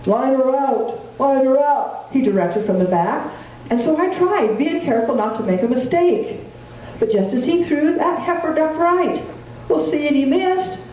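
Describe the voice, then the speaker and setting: A woman's voice: high voice, expressive, dark tone. Echoey cowboy poetry from a Western woman. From rural Wyoming, United States. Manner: folksy storytelling in rhymed, measured verse. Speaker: cowboy poet. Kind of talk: cowboy poetry recitation to a live audience. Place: indoor room at a live gathering. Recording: echoey room, distant mic, faint noise.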